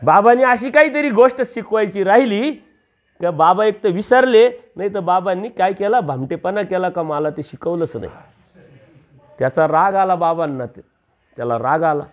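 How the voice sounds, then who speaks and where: A man's voice: high-pitched, expressive, moderate pace. A man preaching a storytelling sermon, acting out the voices of a village parable and rising for emphasis.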